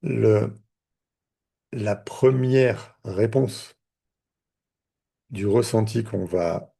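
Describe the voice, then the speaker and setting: A man's voice: lowish voice, very slow, gravelly, mellow, breathy edge. A man, a therapist, teaching a live online lesson in a conversational way, with many fillers and restarts. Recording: video call audio.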